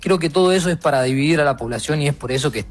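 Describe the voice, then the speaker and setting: A man's voice: a little high, rapid-fire. A man with an Argentine accent speaking as a guest in a casual conversation, reflective, with frequent restarts. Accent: Argentine Spanish.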